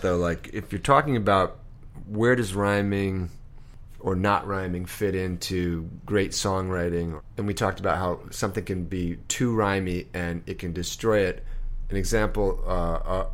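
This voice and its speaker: A man co-hosting a casual chat about songwriting, thoughtful and halting as he works through ideas. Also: deep voice. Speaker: podcast co-host.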